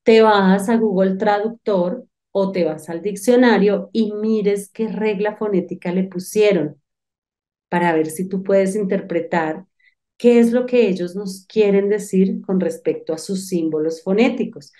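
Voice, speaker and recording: Woman teacher, mellow and warm, chatty lesson delivery with direct address. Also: medium pitch, a little slow. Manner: lively, talks directly to the student, thinks aloud. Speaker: English teacher. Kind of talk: online phonics lesson.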